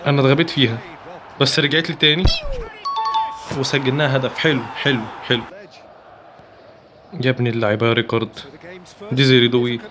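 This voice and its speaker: A man with an Egyptian Arabic accent giving excitable commentary while playing a football video game, chanting player names in quick bursts. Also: medium pitch. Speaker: gaming YouTuber. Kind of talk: live gameplay commentary.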